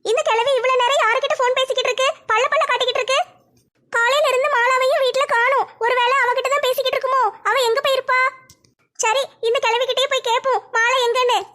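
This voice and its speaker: A woman's voice: extremely high pitch, fairly even intonation, fast talker, bright, forceful tone. A woman acting as a spoiled, scheming young daughter-in-law in a comedy skit, demanding and mocking. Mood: suspicious.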